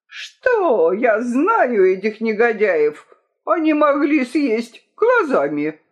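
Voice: medium pitch, very animated, slow pace, voice pushed up. Tsinamon, a haughty offended king, voiced by the reader. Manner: hissing, offended. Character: haughty, touchy rival king. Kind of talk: storybook reading. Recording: dull lo-fi recording.

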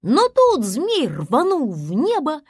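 A woman narrating a children's story in a lively, expressive way. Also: high-pitched, slow pace, no room sound, clean studio sound. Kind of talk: storybook reading.

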